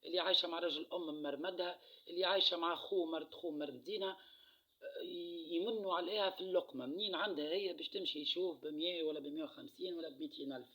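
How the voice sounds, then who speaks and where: Fast, husky Tunisian man reading cards. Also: fairly high pitch, pushed and bright, low-quality recording. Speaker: card reader. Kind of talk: casual card-reading monologue.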